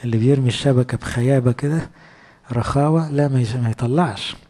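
Fast-talking Egyptian preacher, husky. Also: male voice, medium pitch, warm tone. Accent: Egyptian Arabic. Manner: conversational, asks rhetorical questions. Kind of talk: sermon.

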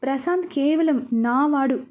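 A woman's voice: high-pitched, unhurried, darkish tone. A woman voicing a jealous, two-faced young woman who taunts and whines, in a storybook reading. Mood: taunting. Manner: taunting, fake tearful whining.

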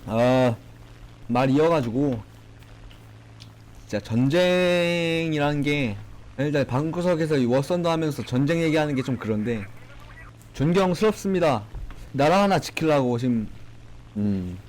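A young man giving excitable, swearing commentary on his gameplay from a small room at home, tipsy from drinking. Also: on the high side, a little slow, pauses often, low-quality recording. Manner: excitable, swearing, shouting at enemies. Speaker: gaming streamer.

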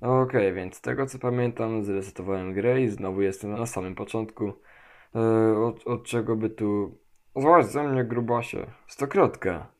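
A man voicing a comic parody dub of a game, crude and swearing, with quick deadpan jokes. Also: on the low side.

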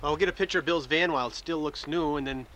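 A man's voice: a little high, fast talker, fairly bright tone. A man chatting and joking with his family while filming a home video on a camcorder. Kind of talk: casual family chat. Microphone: built-in camcorder mic. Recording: camcorder audio with background hiss.

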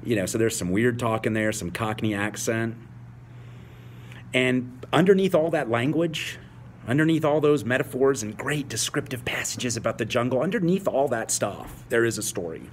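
A man's voice: mid-range voice, moderate pace, a little hiss or hum. A man in his forties, an English teacher, speaking passionately and emphatically to fellow teachers, repeating key phrases. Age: 40s.

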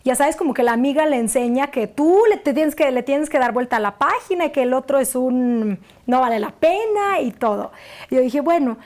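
A young adult woman, an actress as interview guest, telling a personal story in casual chat and acting out the quotes. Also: fairly quick. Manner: animated, acts out quotes with sudden high bursts.

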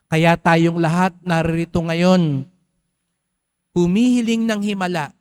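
A Filipino priest giving a sermon in a large church, asking his congregation questions and having them repeat phrases, rising loud on key points and dropping low and soft for emphasis. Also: unhurried, clear, resonant tone. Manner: engages congregation with questions and call-and-response. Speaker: parish priest.

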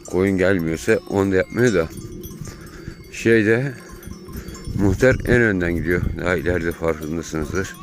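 A man, a shepherd, giving calm running commentary to his viewers while herding his flock on an outdoor pasture, recorded on a handheld phone. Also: deep voice, unhurried, long pauses. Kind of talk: casual vlog narration while herding. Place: outdoor hillside pasture under overcast sky. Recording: outdoor noise with bleating sheep.

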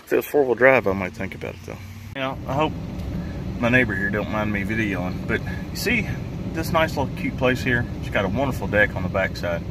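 A middle-aged man with a lowish voice, talking plainly and folksily as he films himself with a handheld phone. He rambles from one thought to the next while walking outdoors and driving his truck. A faint background hiss sits under his voice. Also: lively intonation, fairly quick. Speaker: vlogger. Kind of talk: casual walk-and-talk vlog. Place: outdoors on a rural property and inside a truck.

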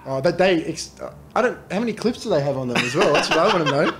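A man's voice: a little high, animated, quick pace, loud music behind the voice. A middle-aged man chatting casually through an audio commentary and laughing often. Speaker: commentary host.

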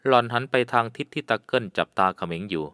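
A man narrating a jungle adventure audiobook in a measured, suspenseful way. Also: mid-range voice, animated, bright, forceful tone, dry recording, studio quality.

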